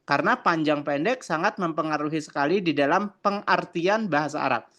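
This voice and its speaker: A man teaching an online Arabic lesson, stretching out each drill phrase slowly, then explaining quickly with fillers and restarts. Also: fairly high pitch, fairly bright tone. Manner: addresses listeners as friends, many fillers and stutters.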